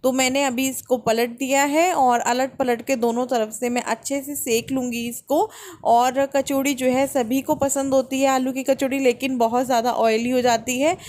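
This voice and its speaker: A woman's voice: high-pitched, level tone, normal speed, darkish tone. A woman in her thirties from India chatting to her viewers as she explains home cooking in a casual vlog. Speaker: home vlogger.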